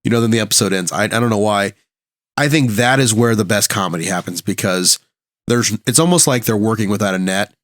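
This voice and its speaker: A man co-hosting a podcast in casual chat, relaxed and amused as he shares his favorite moments. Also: on the low side, a little fast, no room sound, clean studio sound. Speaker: podcast co-host.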